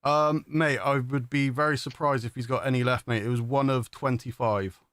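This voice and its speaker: A man's voice: medium pitch, steady tone, moderate pace, a bit bright. A man hosting a live stream, chatting casually, laughing often and calling his guest mate. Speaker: livestream host.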